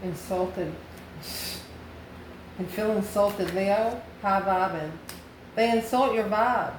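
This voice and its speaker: She speaks slowly at a medium pitch: an American channel host and tarot reader giving the viewer an intuitive reading, musing in brief, repeated phrases and questions. The room has an echo, and background noise comes through clearly.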